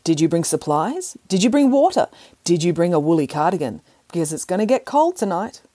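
A woman voicing a grand, greedy, self-assured female pig nanny in a storybook reading, brisk and matter-of-fact. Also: lowish voice, big pitch swings, warm tone.

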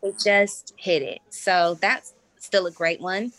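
A woman's voice: medium pitch, slow pace, dry recording. Bubbly woman chatting in a dry room. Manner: bubbly, laughing, animated asides. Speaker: interview guest, cabaret singer. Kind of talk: casual interview chat.

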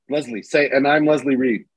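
A man's voice: medium pitch, slightly rough. Man hosting a spooky-story podcast. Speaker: podcast co-host. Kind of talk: casual chat and dramatic story reading.

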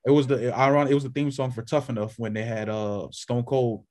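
A man's voice: mid-range voice, flat delivery, a little fast, a little mellow. A man co-hosting a podcast in casual chat, rambling with many restarts and perking up when he lists names. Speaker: podcast co-host.

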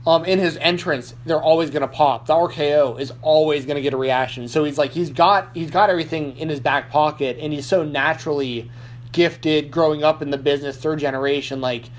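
This man hosts a laid-back wrestling podcast out of Nashville, rambling along with constant restarts, fillers and "likes." He talks a little fast in a fairly high, steady voice.

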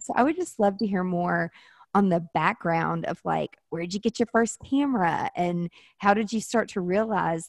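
A woman's voice: mid-range voice, a little mellow, no room sound, clean studio sound. A woman hosting a business podcast, upbeat and bubbly, chatting casually and laughing often with her guest. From US South. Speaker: podcast host. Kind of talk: casual interview chat.

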